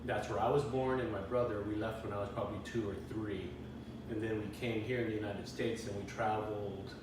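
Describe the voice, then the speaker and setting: In a relaxed storytelling interview, a middle-aged guest with a lowish voice talks a little fast about his life, rambling, restarting often and chuckling now and then. The mic is distant, and the very echoey room carries noticeable background noise.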